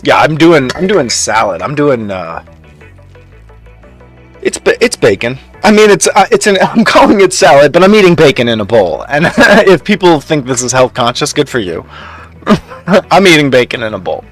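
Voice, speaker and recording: A man's voice: a little high, very animated, moderate pace, soft background music. A young man from Canada streaming a factory game, chatting casually with his viewers and laughing often. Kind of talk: casual live stream chat.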